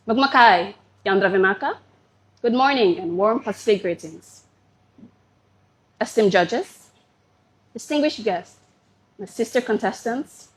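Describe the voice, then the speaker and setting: A woman's voice: mid-range voice, slightly rough, poor audio. Poised young woman giving a pageant answer. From Papua New Guinea. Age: young adult. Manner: poised pageant-answer delivery, measured and deliberate. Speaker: pageant contestant. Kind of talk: formal prepared pageant speech.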